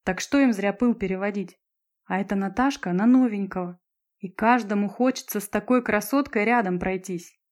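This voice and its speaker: A woman's voice: medium pitch, normal speed, lightly acted. Chirpy teenage girlfriend, read by a woman. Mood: chatty.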